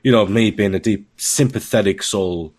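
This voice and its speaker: A man's voice: on the low side, normal speed, darkish tone. A man talking casually as a podcast guest, candid and joking, laughing often at his own remarks. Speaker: guest software developer.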